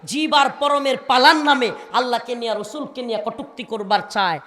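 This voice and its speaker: Bangladeshi Bengali male preacher, high voice, fiery sermon with shouted Arabic chants, long hall echo. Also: fairly even intonation, fairly quick. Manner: shouting, rising declamations, chanted Arabic verses. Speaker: preacher at a religious gathering.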